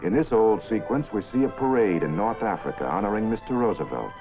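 Man, old newsreel narrator, formal measured delivery, animated pitch, tinny lo-fi film sound, music clearly behind.

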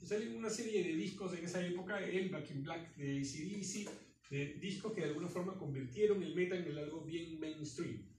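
A man's voice: fairly high pitch, moderate pace, darkish tone, a little hiss or hum. A man in his fifties, born in Spain, introducing a guest to a class in a rambling, conversational way. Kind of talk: casual classroom talk. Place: university classroom. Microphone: far camera phone. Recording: echoey classroom from far off.

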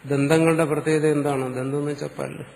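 A man's voice: on the high side, little pitch movement, fast, creaky, darkish tone, big-room sound. A man with a Malayali accent teaching grammar, explaining step by step and putting questions to the class. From Kerala, India. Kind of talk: classroom lecture.

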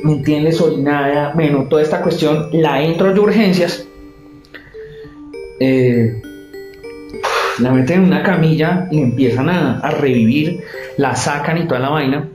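A man's voice: a little high, a little slow, long pauses, echoey room, soft background music. A man, a theater director retelling events in an interview and acting out the voices of others. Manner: animated, acts out the voices of others. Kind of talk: storytelling interview.

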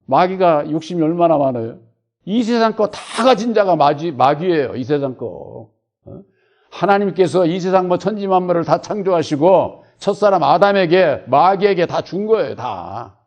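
A man's voice: a little high, expressive, normal speed. Emphatic male pastor, dull lo-fi recording. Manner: emphatic repetition with rhetorical questions; swings between loud stress and quiet trailing repeats. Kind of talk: sermon. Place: church.

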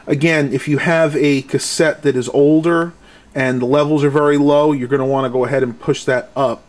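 A product reviewer holds a camera and speaks into its built-in mic while casually demonstrating and reviewing tech in a small furnished room at home. His voice is fairly high-pitched, with fairly even intonation at a moderate pace.

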